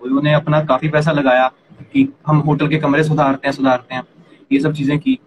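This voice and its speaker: Fast-talking young man, noisy room. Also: on the high side, muffled recording. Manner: rapid, animated, addresses partner as yaar and bhai. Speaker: co-host explaining startups. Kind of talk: casual explanatory chat. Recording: noisy background ambience.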